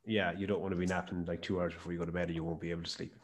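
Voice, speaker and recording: A man's voice: deep voice, flat delivery, rapid-fire, slight background noise. A man with a west of Ireland accent, telling stories emphatically in a conversational interview. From County Mayo, west of Ireland. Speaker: podcast guest, health and performance speaker.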